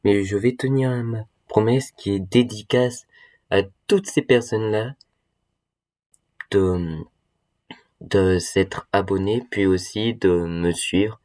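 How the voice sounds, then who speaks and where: In a casual screen-recorded tutorial, a young electronics hobbyist on YouTube explains a project while stuffy with a cold, hesitating a lot, using slang and many fillers. His fairly low voice is steady, slow, and a little mellow.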